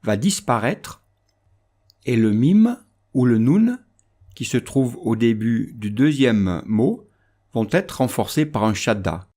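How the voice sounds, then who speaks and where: A man teaching Quran recitation rules in a calm, measured instructional voice-over. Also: medium pitch.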